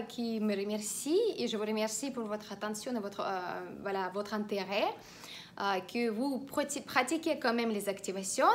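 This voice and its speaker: Lady explaining feng shui, slightly high voice, lots of euh and restarts. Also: a bit bright. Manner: hesitant, many filler sounds and restarts; instructive, repeats directives. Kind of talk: explanatory online teaching.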